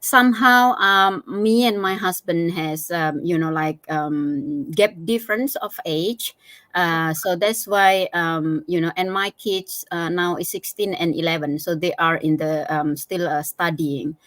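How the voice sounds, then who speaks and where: A middle-aged woman with an Indonesian accent gives a casual personal account as an interview guest. Her voice is lowish and fairly bright, measured in pace, with no echo, and she speaks hesitantly, filling gaps with small phrases and frequent "you know".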